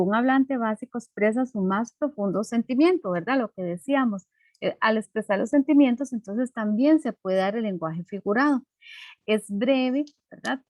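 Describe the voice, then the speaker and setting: A woman teacher giving an online class, explaining slowly with many fillers and tag questions. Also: fairly high pitch, darkish tone, no room sound.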